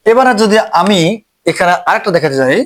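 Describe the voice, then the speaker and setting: A man teaching an English grammar lesson, speaking slowly and repeating each word as he writes it out. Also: high-pitched, very animated. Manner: slow, repeats each word while writing it out.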